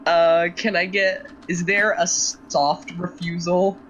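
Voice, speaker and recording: A woman's voice: lowish voice, level tone, slow pace, slight background noise, poor audio. A woman playing a tabletop game, narrating her character's actions, a little hesitant. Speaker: player.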